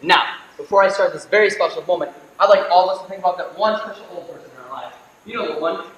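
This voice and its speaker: A man's voice: sits high, quick pace, fairly bright tone, lo-fi sound. A man playing a snide, short-tempered storyteller, delivering a sarcastic, theatrical comic monologue on stage. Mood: mock solemn. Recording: very echoey stage, distant mic, faint noise.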